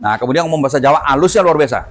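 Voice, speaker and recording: A middle-aged man, a healer, telling a testimony story in an animated way and acting out the dialogue. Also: mid-range voice, racing.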